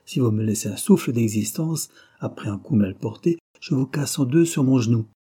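Man playing brash young bruiser, mocking and blunt, husky and dark, audiobook style. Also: mid-range voice, expressive, moderate pace. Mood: cold.

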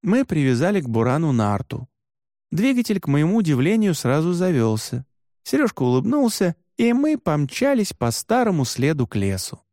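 A man narrating a first-person travel story as an audiobook, calm and storytelling, with expressive intonation, on a close studio mic. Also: on the high side, moderate pace, no room sound.

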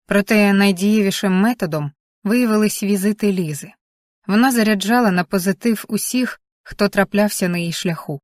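Audiobook narrator: woman, calm and measured, mid-range voice, dry booth sound. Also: medium pitch, no echo. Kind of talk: scripted narration.

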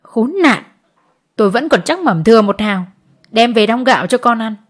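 A woman's voice: fairly high pitch, moderate pace, a little mellow, close to an everyday voice. A woman voicing a poor peasant wife who pleads and cries over taxes she cannot pay. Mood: sobbing. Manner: pleading, sobbing.

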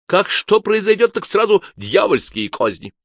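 A man's voice: sits high, big pitch swings, moderate pace, no room sound, studio quality, pitched above the performer's own voice, full character voice. A man voicing a weary, exasperated male commissioner in an audiobook. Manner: exasperated, pleading.

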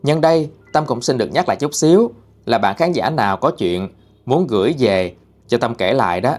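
Expressive Southern Vietnamese male storyteller. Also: mid-range voice, normal speed, soft background music. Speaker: ghost story narrator and channel host. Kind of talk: storytelling narration.

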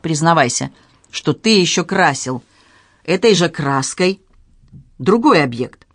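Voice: mid-range voice, a little slow, no echo. A reader playing a cool, shrewd woman sleuth. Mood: menacing. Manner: calm, ironic, quietly menacing. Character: shrewd, unflappable middle-aged woman amateur sleuth.

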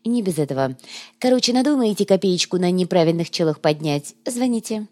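A woman voicing a sly male schemer who speaks in a soft, purring, ingratiating way. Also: lowish voice, expressive, brisk, lightly acted. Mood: coaxing.

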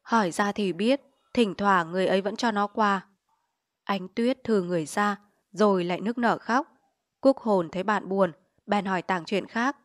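A woman reading a novel aloud as an audiobook, with a steady storytelling delivery. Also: medium pitch, normal speed, no room sound, studio quality. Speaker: audiobook reader.

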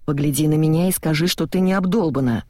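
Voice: medium pitch, quick pace, a little mellow, dry recording, natural voice. Reader voicing a harsh young man, commanding, swearing, dry close sound, audiobook. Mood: angry. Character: angry gruff young man, bossy and protective. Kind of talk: audiobook reading.

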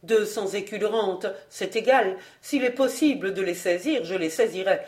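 A woman's voice: mid-range voice, normal speed, a little mellow, natural voice. A woman voicing a petty, fussy male royal steward who complains in a self-pitying tone. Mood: plaintive grumbling. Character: fretful middle-aged male royal steward, petty and greedy.

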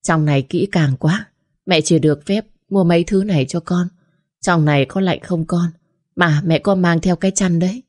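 A woman voicing an elderly mother who gently soothes and reassures her daughter. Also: on the low side, normal speed, close to an everyday voice. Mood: soothing.

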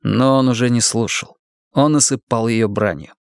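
A man reading an audiobook novel aloud in measured, scripted narration. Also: mid-range voice, clear, resonant tone, no room sound, clean studio sound.

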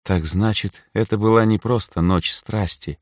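A dying elf woman, as a male audiobook reader puts her on, speaking slowly and faintly, softer than the narration. Her voice is weak and tender, in a dry, close recording. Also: on the low side, fairly even intonation, no room sound. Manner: weak, slow, soft. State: weak, whispering.

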